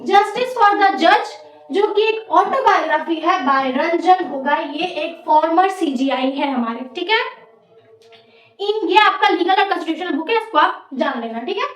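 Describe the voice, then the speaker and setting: Casting note: young Indian woman, very high voice, loud exam-coaching teacher, echoey room, heard from far off. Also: lively intonation, unhurried. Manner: talks loudly over background noise, many "theek hai" checks. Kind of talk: exam-prep class lecture. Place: teaching room near construction work.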